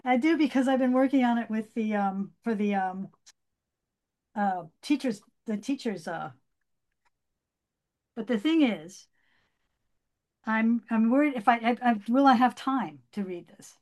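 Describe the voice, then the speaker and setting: An animated woman author talks about her book and reads a passage from it. She speaks in an energetic voice with frequent restarts, then slows down for the narration. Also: fairly high pitch. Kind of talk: conversational interview, then reading from her book.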